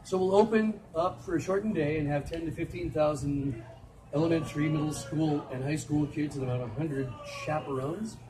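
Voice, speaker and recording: A middle-aged man doing live comedic storytelling on an outdoor festival stage, with animated, teasing banter aimed at the audience. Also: a little high, normal speed. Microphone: handheld phone in the audience. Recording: distant phone recording with crowd. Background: audience laughter.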